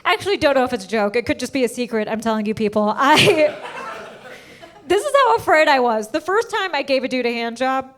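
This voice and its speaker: Young female stand-up comic, high-pitched, brash and quick, punchline-driven. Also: animated, a bit bright. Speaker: stand-up comedian. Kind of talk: stand-up comedy set. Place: stage before a live audience.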